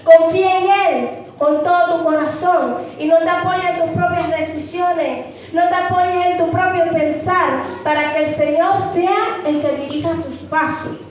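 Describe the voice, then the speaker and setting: A woman with a strikingly high voice delivers an earnest sermon. She acts out short dialogues as she goes. Her voice carries from some distance through a heavily echoing church hall. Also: fairly even intonation, a little slow. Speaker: preacher. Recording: very echoey hall, mic far off.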